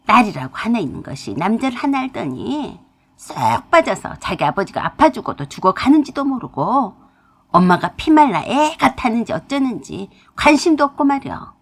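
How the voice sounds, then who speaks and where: An angry elderly mother scolds and reproaches, her husky voice rising and falling widely, as a woman puts her on. She is bitter and harsh in a storybook radio tale. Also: fairly low pitch, very animated, measured pace, voice pushed down, exaggerated voice. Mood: scolding.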